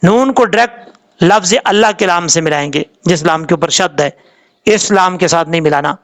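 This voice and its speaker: A man with a high-pitched voice giving a recitation lesson. He explains patiently, step by step, repeating letters and rules. He slows right down and stretches each word when he demonstrates it. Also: a bit bright. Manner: slowly draws out sounds when demonstrating words. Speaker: Quran recitation teacher.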